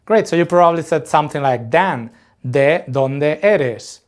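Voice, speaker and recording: Higher-voiced male teacher. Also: expressive. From Madrid, Spain. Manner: slow, deliberate model phrases, prompting the learner to repeat. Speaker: language teacher. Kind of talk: scripted language lesson.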